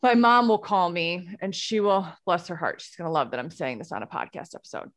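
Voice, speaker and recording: A woman's voice: fairly low pitch, big pitch swings, brisk. A woman podcast host and life coach talking through an idea in a casual monologue, often checking in with "okay?" and "right?". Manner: explanatory, frequent "okay?" and "right?" check-ins.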